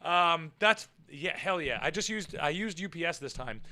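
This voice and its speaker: A livestream show host chats casually with viewers at a moderate pace, his slightly high voice hoarse and worn from yelling, though still bright and smooth underneath. He rambles, swears casually and breaks into loud, excited bursts.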